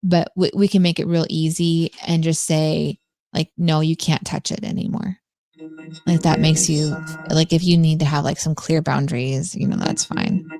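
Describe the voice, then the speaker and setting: Bubbly young woman, lowish voice. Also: little pitch movement, normal speed, gravelly, mellow, soft background music. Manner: bubbly, giggly, upbeat. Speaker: podcast co-host. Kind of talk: casual live-stream chat.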